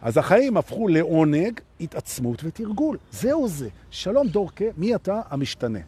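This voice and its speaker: Husky, animated man coaching listeners. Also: high voice. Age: adult with a son. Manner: animated, repeats phrases, addresses listeners directly. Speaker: coach leading a live online session. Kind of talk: motivational self-help talk.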